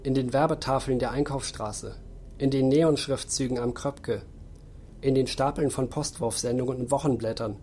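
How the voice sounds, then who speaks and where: Male reader playing a hushed mysterious mentor, low and even. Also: normal speed, slight background noise, close to an everyday voice. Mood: cryptic. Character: mysterious male guide, calm and cryptic.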